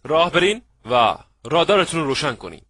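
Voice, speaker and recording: A man giving an animated seminar lecture on networking, acting out little scenes and checking that his audience follows. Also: on the high side, husky, no echo. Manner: lively, acts out little scenes, asks the audience if they follow. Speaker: networking trainer.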